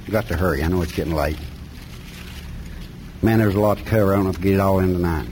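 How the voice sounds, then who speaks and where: Preaching and reading scripture with colloquial grammar, a middle-aged man with an Appalachian accent from the North Carolina mountains, USA, keeps things folksy and plain-spoken. He talks fast in a low, a little mellow voice. Slight background noise can be heard.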